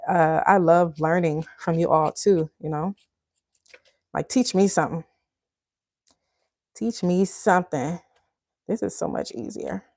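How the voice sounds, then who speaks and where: Hosting her cooking channel live, a woman from Liberia chats with viewers she calls y'all, laughing a lot along the way. Her voice runs low and darkish, captured in a dry, studio-quality recording.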